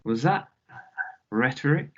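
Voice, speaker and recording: A man's voice: mid-range voice, animated, a bit bright, highs cut off. A young man as a sparring word-gamer. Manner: quick-fire, sparring questions. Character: sharp, combative young man in a word game. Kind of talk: stage dialogue.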